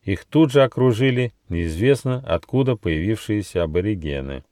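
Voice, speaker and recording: Lively man reading a fairy tale. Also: on the low side, normal speed, no room sound, clean studio sound. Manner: expressive, lively storytelling. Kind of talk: audiobook fairy-tale narration. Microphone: studio mic.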